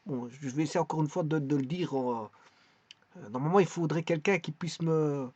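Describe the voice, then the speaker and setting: A man's voice: fairly high pitch, moderate pace, a little mellow, muffled recording. Hesitant French man rambling in a vlog. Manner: hesitant, many restarts and repeated words. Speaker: vlogger presenting a website.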